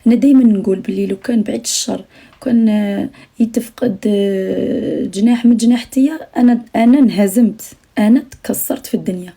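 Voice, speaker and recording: A woman's voice: mid-range voice, quick pace, vocal fry, warm tone, breathy edge. A young Algerian woman talking earnestly to her viewers on a late-night live stream, repeating her phrases and sometimes dropping almost to a whisper.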